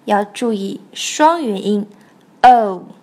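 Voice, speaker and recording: A woman teaching English song pronunciation, patiently repeating sounds and modeling each word slowly. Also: fairly high pitch, expressive. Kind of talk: pronunciation lesson.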